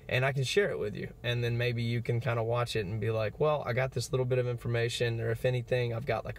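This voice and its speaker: A man in his twenties giving an earnest, encouraging motivational talk to camera, with fillers like "you know". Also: medium pitch. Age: 20s. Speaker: motivational vlogger.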